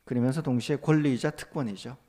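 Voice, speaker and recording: A male pastor preaching a sermon, moving from calm teaching into loud, impassioned spoken prayers. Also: mid-range voice, quick pace. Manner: rises to loud impassioned voiced prayers, then drops back to calm teaching.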